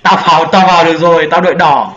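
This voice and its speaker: A man's voice: a little high, quick pace. A young man chatting casually and joking with friends while gaming. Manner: joking, excitable, swears casually. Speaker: gaming channel host. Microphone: voice chat mic. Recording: echoey, dull lo-fi voice chat.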